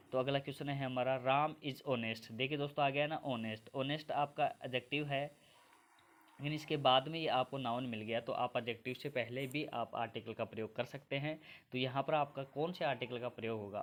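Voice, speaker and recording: In this exam-prep grammar lesson, an Indian man speaks a little fast with a steady, mid-range voice. He walks through English grammar step by step and keeps calling his viewers friends.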